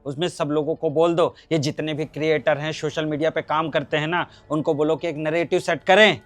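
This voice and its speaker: An actor playing a hardline cleric father who rants and schemes, with forceful preachy delivery. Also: fairly high pitch, fairly even intonation, brisk, natural voice. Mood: scheming. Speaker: actor in a short drama. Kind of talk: Hindi short-film acting.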